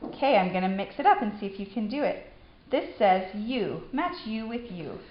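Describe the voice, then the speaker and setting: A young woman patiently teaching her son sight words, giving steady praise. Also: mid-range voice, normal speed, background noise. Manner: encouraging, patient, repetitive praise. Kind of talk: one-on-one reading drill. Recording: echoey room, slightly dull home video.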